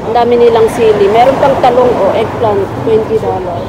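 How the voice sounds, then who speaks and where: A chatty woman with a slightly high voice narrates a walking tour on her phone, calling out to her viewers as she strolls. Heavy traffic noise fills the busy outdoor street behind her. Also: steady tone, moderate pace, dull audio, crowd noise. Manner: chatty, keeps addressing viewers as guys. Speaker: vlogger giving a walking tour. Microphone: handheld phone camera while walking. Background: traffic and city street sounds.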